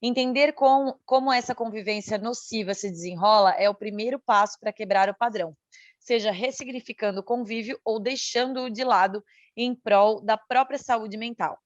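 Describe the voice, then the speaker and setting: A woman in her thirties from Santa Catarina, co-hosting a podcast with measured reading and teasing banter. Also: on the high side, no echo, muffled recording. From Santa Catarina, Brazil. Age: 30s. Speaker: podcast co-host. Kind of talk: podcast chat and scripted reading.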